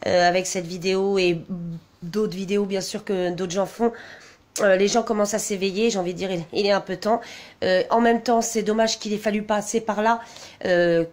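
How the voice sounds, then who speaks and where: A woman vlogging off the cuff, reading a document aloud and commenting on it in an indignant, agitated and rambling way. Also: medium pitch. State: wound up, on edge.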